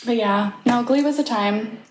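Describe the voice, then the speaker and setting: A woman's voice: fairly high pitch, moderate pace. Young woman, podcast co-host, playful and joking, roomy echo, background noise. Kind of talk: casual chat. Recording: echoey room with noise.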